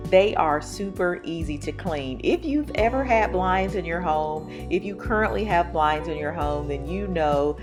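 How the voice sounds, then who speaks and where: An American woman with a fairly deep voice talks to her viewers in a casual home vlog. She is chatty and enthusiastic and addresses the audience directly. Music plays clearly behind her. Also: expressive, a little slow, few pauses. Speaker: home renovation vlogger, host.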